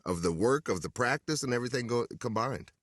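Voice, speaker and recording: A man reflecting in a casual interview as a voice actor guest, calm and measured. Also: medium pitch, no room sound, studio quality. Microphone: video call.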